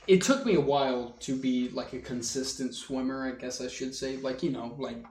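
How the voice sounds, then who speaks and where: A man's voice: mid-range voice, moderate pace, darkish tone. Crude joking man in an echoey room. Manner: crude, joking, swears a lot. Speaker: podcast host. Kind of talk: casual chat. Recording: echoey room with faint noise.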